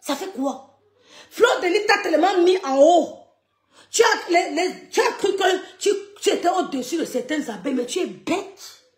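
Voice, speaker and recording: A woman's voice: very high voice, lively intonation, moderate pace, roomy sound. A woman, ranting on a live stream at online critics in a scornful, mocking way with repeated insults. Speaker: social media live streamer. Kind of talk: heated rant at online critics.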